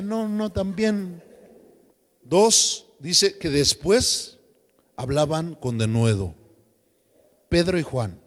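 A man preaching a sermon as pastor, lively and joking, slipping into slang voices. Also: fairly high pitch, in a large hall. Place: church.

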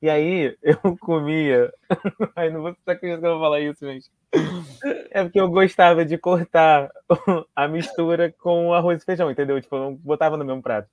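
A man's voice: a little high, brisk, no echo, dull audio. A man, chatting casually and telling funny stories, laughing as he goes. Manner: animated, laughing storyteller with dramatic asides. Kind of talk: casual chat, storytelling.

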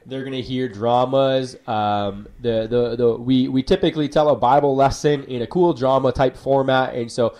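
A young man hosts a casual church podcast chat in an upbeat, slangy way. His voice sits at an ordinary pitch for a man. He talks easily and loosely with his co-host. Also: steady tone, moderate pace, hardly any pauses, a little mellow, muffled recording. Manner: slangy and upbeat, says bro and wicked.

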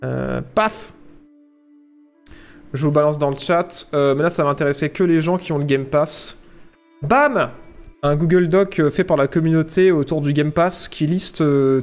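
Male streamer, slightly high voice, chatty and playful with viewers, soft music bed behind. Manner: chatty and playful, tosses in sound effects like "paf" and "bam". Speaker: livestreamer answering chat. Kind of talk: casual livestream chat.

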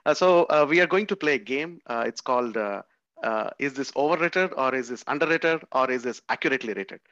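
A man's voice: mid-range voice, lively intonation, a little fast, a bit bright. A man hosting an interview, hesitant and full of fillers and restarts. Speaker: show host. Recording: dull lo-fi sound.

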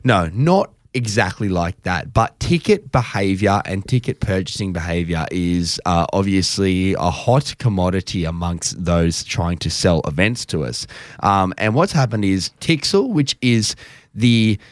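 A man's voice: low voice, lively intonation, a little slow, no room sound, clean studio sound. A man co-hosting a podcast, chatting casually in a rambling way, often breaking off his sentences for jokey asides. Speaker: podcast co-host. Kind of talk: casual chat.

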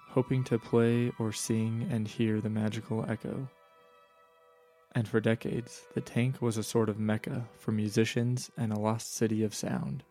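Guy narrating a travel show like a story, pretty even tone, gravelly fry, faint music behind. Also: lowish voice. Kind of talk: scripted narration.

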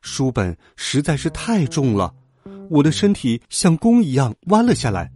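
A man narrating a children's story in the first person, lively and dramatic. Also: fairly high pitch, moderate pace, faint music behind. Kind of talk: storybook reading.

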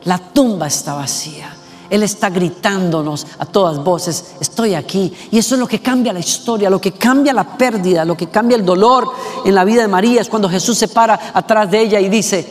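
A man preaching a sermon with passion, asking rhetorical questions and slowing down to stress words. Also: sits high. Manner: impassioned, rhetorical questions, slows for emphasis. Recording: long reverb with faint music.

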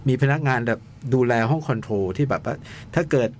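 A man's voice: medium pitch, a little fast, a little mellow, a little hiss or hum. Rambling man retelling a film. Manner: rambling retelling with many restarts and repeated words. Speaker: film review co-host. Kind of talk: casual chat retelling a film plot.

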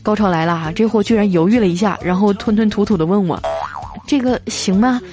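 Speaking fast in a mellow, medium-pitched tone, a female host reads out jokes sent in by listeners. She keeps it playful and chatty, laughs at each punchline, and soft music runs in the background.

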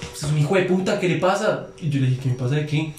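A man's voice: fairly high pitch, quick pace, a little mellow, roomy sound, soft background music. A young man telling a long story among friends, slangy and profane, acting out both sides of a quarrel. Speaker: podcast guest.

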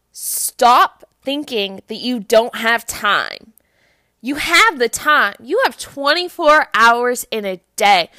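A young woman hosts her own show and talks through motivational tips in a loose, chatty way, leaning on "like" as she goes. Her voice sits a little high and sounds bright and sharp. The recording is dry and close. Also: dry recording. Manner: chatty, fills talk with "like". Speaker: podcast host. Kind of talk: casual motivational talk.

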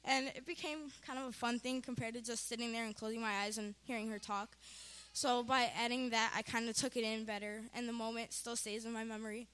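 A woman's voice: fairly high pitch, fairly even intonation, fairly quick, a bit bright, clear, resonant tone. A young woman giving a casual, emotional testimony before her baptism, giggling often. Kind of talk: personal testimony.

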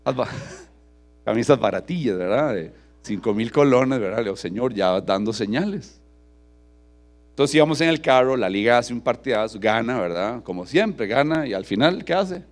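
Costa Rican pastor telling stories. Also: male voice, medium pitch, expressive, moderate pace. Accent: Costa Rican Spanish. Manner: frequent tag question "¿verdad?", storytelling, rising to forceful emphasis. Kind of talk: sermon with personal anecdotes.

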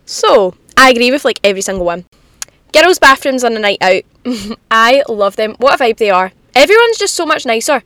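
A young woman chats casually and confidingly as a solo podcast host, in animated girly slang, from inside a parked car in the rain. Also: on the high side, moderate pace, dry recording. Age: young adult.

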